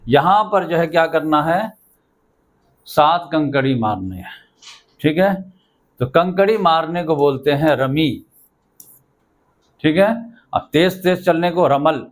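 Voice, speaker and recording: Male teacher, fairly high voice; lecturing, asks questions, then answers them himself. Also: expressive, pauses often. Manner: quizzes listeners and answers himself; repeats checking "okay?" often. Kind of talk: classroom lesson with questions.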